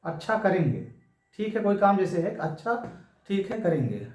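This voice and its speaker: Male teacher with a high voice who quizzes the class and answers himself, recorded far off in a booming room. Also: sing-song, normal speed, darkish tone. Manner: repeats key terms, asks and answers his own questions. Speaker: Hindi teacher. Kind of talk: classroom lesson. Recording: very echoey room, far from mic.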